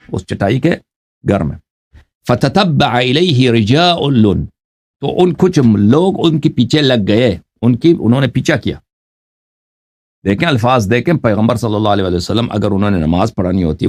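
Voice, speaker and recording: A man giving a religious lecture, quoting texts slowly and then explaining them in an argumentative way. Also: mid-range voice. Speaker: religious scholar.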